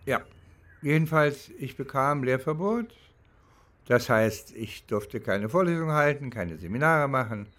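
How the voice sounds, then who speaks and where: An older man from East Germany, once a professor, looks back on his life in an interview. He is reflective and halting, searching for words, and his mid-range voice sounds expressive and a bit bright.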